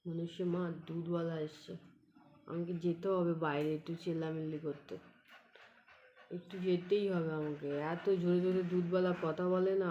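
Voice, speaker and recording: A woman's voice: dark tone, muffled recording, a little hiss or hum. A woman filming a casual home vlog, chatting and coaxing her pet dog. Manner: coaxing, chatty, calls the dog in high tones. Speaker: pet vlogger. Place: home room.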